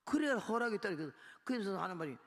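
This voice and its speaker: A woman in her eighties, a missionary preacher, giving a lively testimony sermon with a gravelly voice and acting out the people in her story. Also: medium pitch, fast. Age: 80s. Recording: long hall reverb.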